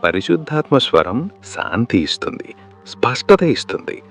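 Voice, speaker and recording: A man's voice: mid-range voice, sing-song, moderate pace, a bit bright, faint music behind. A man narrating a devotional sermon in an earnest way, speaking straight to the listener. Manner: earnest, addresses the listener directly. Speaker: preacher.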